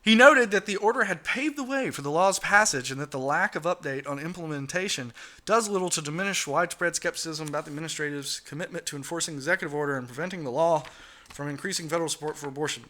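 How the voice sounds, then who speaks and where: A man's voice: on the high side, fast talker, pushed and bright. A man hosting a political talk show, reading out news stories and ranting about them with sarcasm, indignation and swearing. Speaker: podcast host.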